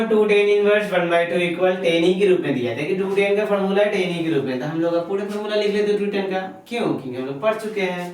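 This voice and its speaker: A man's voice: sits high, slight background noise. A man teaching an exam-prep math lecture, posing questions to his students and answering them himself, and fondly calling them "babu". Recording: very echoey room, mic set far off.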